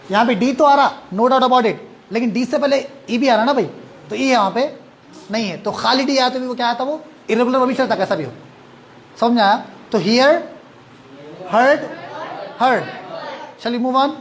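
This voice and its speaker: A man's voice: very high-pitched, a little hiss or hum. A male English teacher, giving a classroom lesson. He drills words, repeats them and asks the class questions. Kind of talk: classroom lesson mixing English and Hindi-Urdu.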